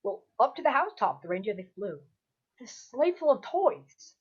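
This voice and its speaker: In a radio play, a young woman plays a high-voiced young storyteller, an earnest parent recounting a Christmas Eve visit. Her storytelling is dramatic and full of wonder, sing-song at normal speed and slightly rough, heard through dull, slightly muffled video-call audio.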